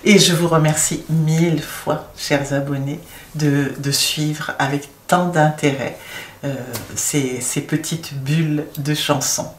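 A woman's voice: sits low, fairly even intonation, slow, far from the mic, slight background noise. A woman teaching singing, explaining vocal registers and breaking into short sung demonstrations. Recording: echoey room, voice a bit off mic.

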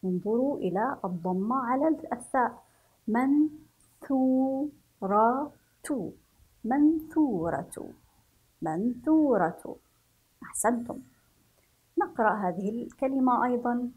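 A woman teaching first graders to read, stretching out each word slowly and praising them softly. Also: on the high side, expressive, breathy edge, phone-quality sound. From Yemen. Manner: slow, drawn-out syllables for children, praising softly. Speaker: primary school teacher. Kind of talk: children's reading lesson.

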